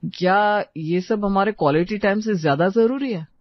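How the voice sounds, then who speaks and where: A voice actor playing a caring, patient young husband in a cartoon story, speaking gently and coaxingly. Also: mid-range voice, moderate pace, no echo, close to an everyday voice. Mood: gentle. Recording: dry, slightly dull lo-fi sound.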